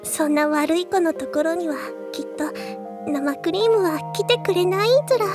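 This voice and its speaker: A woman's voice: very high-pitched, normal speed, music in the background. A woman voicing a sweet, timid teenage girl with a rustic verbal tic at the end of her lines, in a radio drama. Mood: remorseful. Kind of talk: anime radio drama acting.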